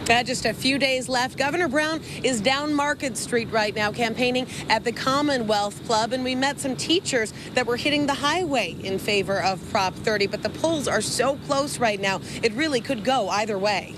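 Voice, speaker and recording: A woman's voice: moderate pace, hardly any pauses. Woman reporting live over street noise. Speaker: TV news reporter. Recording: outdoor street, traffic rumble and noise.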